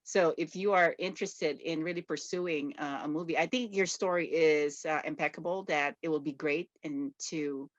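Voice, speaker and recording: A woman's voice: low voice, moderate pace, hardly any pauses, no room sound, muffled recording. Effusive woman hosting an interview. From Philippines. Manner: enthusiastic, effusive with praise. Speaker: interview host. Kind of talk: casual interview conversation.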